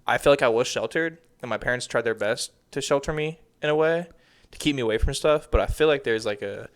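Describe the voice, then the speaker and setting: Smooth-voiced young man chatting animatedly. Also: mid-range voice, brisk. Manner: animated, rambling with restarts and slang. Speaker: podcast co-host. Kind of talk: casual chat.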